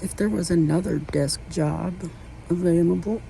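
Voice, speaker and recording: A woman in her late forties talking at home from her bed in a halting, rambling vlog monologue full of restarts. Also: on the low side, creaky, mellow, slight background noise, rough recording. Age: 40s. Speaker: vlogger.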